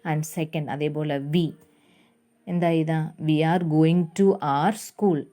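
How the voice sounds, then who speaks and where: A woman's voice: low-pitched, fairly even intonation, drawn-out words, warm tone. A woman teacher with a Malayali English accent explaining grammar in a classroom lesson, mixing Malayalam and English and checking in with the class.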